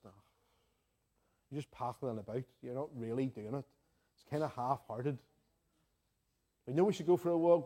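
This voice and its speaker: Speaking with a Northern Irish Ulster accent, this man delivers a sermon to his congregation, sharing homely anecdotes and prayer. He is earnest and conversational and repeats phrases for emphasis, his voice mid-range and dark.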